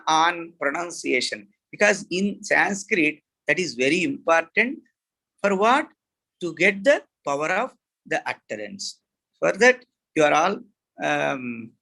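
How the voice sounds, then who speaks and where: A middle-aged man with an Indian English accent, teaching a Sanskrit class in a slow, halting way with many fillers and restarts. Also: on the high side, gravelly, bright, forceful tone, rough recording. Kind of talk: online class lecture.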